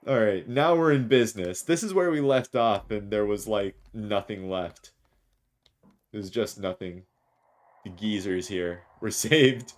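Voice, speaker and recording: A man's voice: on the low side, unhurried. A man streaming a video game, chatting jokily and reading the dialogue aloud. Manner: jokey, rambling, reads lines with small voices.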